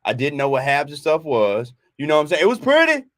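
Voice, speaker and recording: A man's voice: mid-range voice, fast talker, a bit bright, dry recording, studio quality. A man co-hosting a business talk show, chatting casually and animatedly, laughing often and repeating words as he gets going.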